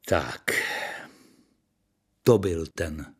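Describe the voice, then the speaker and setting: A man's voice: a bass voice, expressive, breathy edge. A man reading a story aloud in a dry, ironic storytelling manner.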